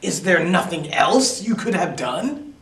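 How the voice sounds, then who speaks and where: Storybook stepmother, cruel and stern, a man putting her on, slow and lively in pitch, echoey room. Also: creaky, recorded from a distance, exaggerated voice. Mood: scolding. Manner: stern, threatening, drops to a whisper. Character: cruel harsh stepmother, woman, demanding. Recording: roomy echo, voice off-mic.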